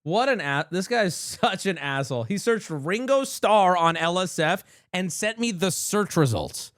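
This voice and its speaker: A man livestreaming, reacting to clips in casual chat and often bursting into excited shouting. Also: high-pitched, normal speed, dry recording, clean studio sound.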